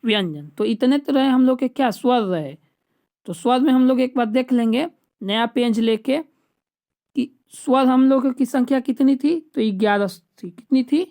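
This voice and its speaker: A woman with a fairly high voice teaches an exam-prep class. She explains each point patiently and step by step. She keeps checking in with the class and turns key terms into questions before answering them herself. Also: moderate pace, dark tone.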